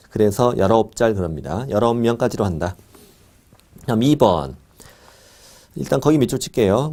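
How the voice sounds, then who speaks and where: A middle-aged man lectures on exam material in a mellow, warm voice at an ordinary pitch. He drills key points by repeating them and asks the class questions he then answers himself.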